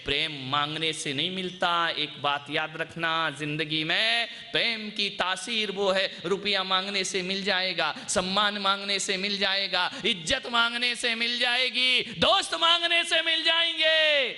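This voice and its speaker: A man preaching a sermon as a Jain monk. He moves from soft, low asides to loud, high shouted peaks, and he acts out voices in his stories. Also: steady tone, unhurried, hardly any pauses.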